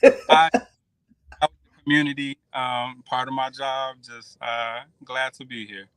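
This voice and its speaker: Guy calling in from his car, connection keeps cutting out, bright voice, talks in broken bits. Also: mid-range voice, fairly even intonation, clear, resonant tone, dry recording, rough recording. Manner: halting, fragmented speech. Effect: choppy, breaking-up video call connection. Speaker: community representative guest. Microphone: video call.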